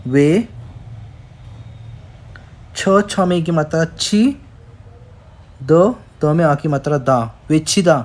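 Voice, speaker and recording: A man teaching a language lesson, spelling out words slowly syllable by syllable and listing verb forms. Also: fairly high pitch, expressive, a little mellow. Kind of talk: explaining Korean words in Hindi.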